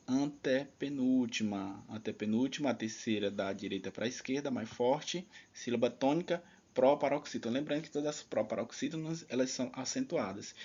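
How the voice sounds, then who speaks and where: A man's voice: medium pitch, a little mellow, lo-fi sound. A man teaching an online exam-prep lesson in a chatty, casual way, leaning on filler tags.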